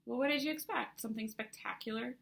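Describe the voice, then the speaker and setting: A woman voicing a cheerful, bubbly teenage girl with telepathic powers in an audiobook reading, speaking brightly and eagerly. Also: fairly high pitch, fast, creaky.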